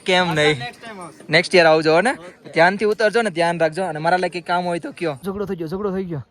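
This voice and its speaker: Chatty vlogger man with a slightly high voice. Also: fast, fairly bright tone. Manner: chatty and friendly, greeting people while walking. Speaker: vlogger host. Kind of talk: casual vlog chat. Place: outdoors at a pilgrimage site.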